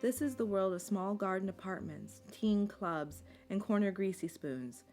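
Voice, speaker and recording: A woman giving scripted documentary narration in a measured, articulate storytelling manner. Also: mid-range voice, darkish tone. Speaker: video essay narrator. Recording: music bed under the voice. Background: instrumental music.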